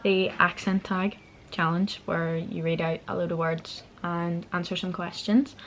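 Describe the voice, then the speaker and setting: A young woman talks in a Northern Irish accent from Belfast, with a fairly low voice. She chats casually as a vlogger, informal and self-deprecating, explaining words in an easy conversational way. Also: level tone, measured pace, a little hiss or hum, low-quality recording. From Northern Ireland. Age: young adult. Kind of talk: casual chat explaining local slang.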